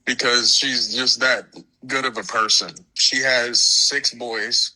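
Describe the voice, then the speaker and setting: A man's voice: mid-range voice, fairly even intonation, slow pace, sharp tone, rough recording. A man calling in to an advice show who talks in a casual, blunt way. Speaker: caller. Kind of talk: phone-in call.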